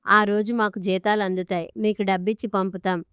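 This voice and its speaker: A woman's voice: medium pitch, little pitch movement, a little fast, fairly bright tone, clear, resonant tone, no room sound, studio quality, close to an everyday voice. A woman reading an audiobook story, voicing a stern, commanding older father-in-law. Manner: commanding, blunt.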